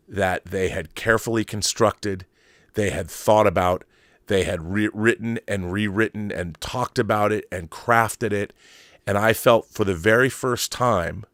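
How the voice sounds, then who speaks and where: Clean studio sound with no echo carries his fairly low, fairly bright voice. He's the middle-aged host of a film and book commentary show, offering emphatic, conversational opinions that ramble and wander off on tangents.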